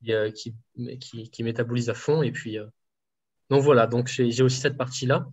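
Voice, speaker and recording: A man's voice: mid-range voice, fairly even intonation, brisk, darkish tone. A man working as a home nutrition dietitian, answering interview questions casually with many fillers and restarts. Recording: dull lo-fi sound.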